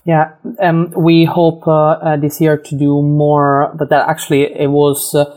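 A man as a guest in a radio interview, speaking haltingly with many uhs. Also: a little high, monotone, darkish tone. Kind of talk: interview conversation.

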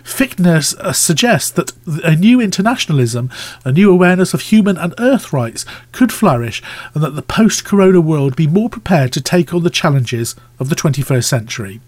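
A man presenting a scripted news report in a husky voice. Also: a little high, lively intonation, a little fast, no room sound.

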